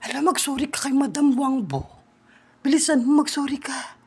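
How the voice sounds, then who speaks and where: A woman talking in a playful, teasing comic skit with quick back-and-forth. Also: sits high, darkish tone. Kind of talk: comedic skit with several voices.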